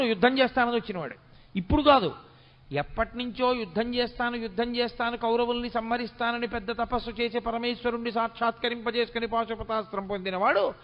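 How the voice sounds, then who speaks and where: Man, spiritual discourse, high voice, slow chanted verses and rapid questions, muffled lo-fi sound. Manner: chants Sanskrit verses slowly, then scolds in rapid rhetorical questions. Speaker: religious discourse speaker. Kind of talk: Telugu spiritual discourse on scripture. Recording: dull lo-fi recording with long hall reverb.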